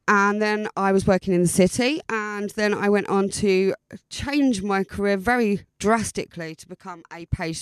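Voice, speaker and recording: A woman from Essex, with the local accent, hosts an informal podcast monologue. Her voice is clean and smooth, sitting a little low, in a very dry recording. She chats hesitantly, repeating words to underline them. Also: no echo. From Essex, England. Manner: chatty, hesitant, often repeating words for emphasis. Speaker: podcast host.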